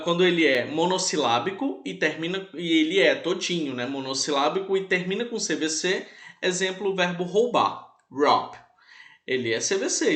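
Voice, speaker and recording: A man's voice: on the high side, a bit bright, reverberant. A man with a Brazilian Portuguese accent teaching an English class, explaining patiently and repeating words to drill pronunciation. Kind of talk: recorded online class.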